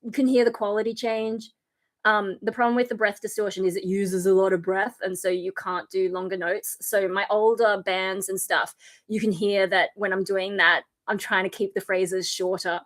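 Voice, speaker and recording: Tired and fried-sounding, a woman who streams and sings metal chats about screaming technique in a steady, mid-range voice at normal speed. Her explanations ramble with fillers, punctuated by harsh unvoiced scream demos.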